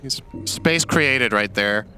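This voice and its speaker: Bright-voiced male esports analyst. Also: mid-range voice, animated, slow pace, soft background music. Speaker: esports caster. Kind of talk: live esports commentary.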